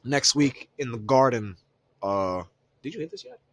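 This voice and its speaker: A man's voice: mid-range voice, very animated, moderate pace, a bit bright. A man co-hosting a podcast, recapping wrestling in loose, profane casual chat full of fillers. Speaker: podcast co-host.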